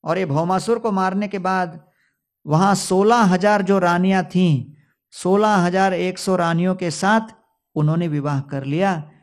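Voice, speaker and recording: A male preacher telling a devotional scripture story, quoting Sanskrit verses and mixing in English words. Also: sits high.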